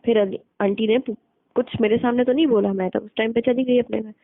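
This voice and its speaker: Her slightly high voice stays steady and a little fast, with no room sound, on a narrow, dry phone-call recording. The young woman retells school-days gossip in a blunt, colloquial way, quoting the people in her stories.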